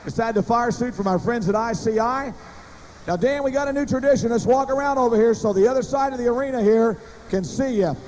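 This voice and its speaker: A man giving excited live sports commentary as a showmanlike announcer who builds suspense for an arena crowd. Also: very high-pitched, fairly quick, rough recording. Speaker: tractor pull announcer and interviewer. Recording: live arena sound with faint engine noise.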